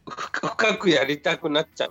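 A man co-hosting a casual comedy podcast, talking in a relaxed, reflective way. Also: on the high side, brisk, dry recording, faint music behind. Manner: relaxed, reflective, laughs along. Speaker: podcast co-host.

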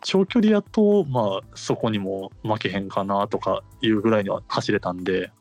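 A man's voice: lowish voice, lively intonation, normal speed, darkish tone, no echo, faint music behind. A man with a Kansai accent talking casually and explaining things in a conversational way. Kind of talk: casual chat.

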